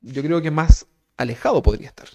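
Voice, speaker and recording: A man's voice: fairly high pitch, a little fast, vocal fry, a little mellow. A man with a Chilean Spanish accent preaching a teaching sermon, talking conversationally and often checking in with his listeners. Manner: conversational, keeps asking "¿verdad?"; asks the congregation direct questions. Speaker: pastor.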